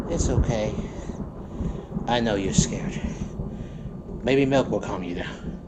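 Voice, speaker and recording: A performer voicing the characters in an amateur plush toy skit, talking in a soothing, halting way and often restarting. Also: medium pitch, very noisy.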